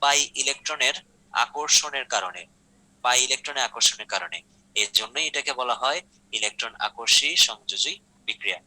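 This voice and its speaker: A man with a strikingly bright, forceful voice works through exam questions as a chemistry tutor. He goes one step at a time, drops English terms into his speech and keeps asking if the students follow. The sound is close and dry, with no room echo. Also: medium pitch, lively intonation, brisk. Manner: explains step by step, checks in with students often. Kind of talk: exam-prep lecture.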